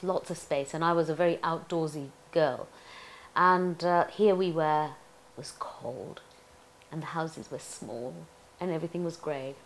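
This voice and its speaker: A middle-aged Tanzanian actress with a lowish voice looks back on her life in an oral history interview. She is chatty and reflective and laughs often, and the recording carries slight hiss or hum.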